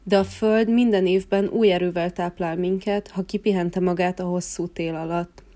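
Woman reading as a wise gentle gladiolus. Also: on the low side, steady tone, lightly acted. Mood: comforting. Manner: soothing, reassuring.

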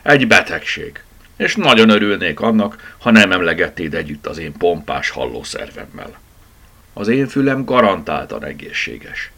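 A man's voice: deep voice, very animated, gravelly, sharp tone, full character voice. A man voicing a proud, easily offended plush toy dog in a children's storybook. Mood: indignant.

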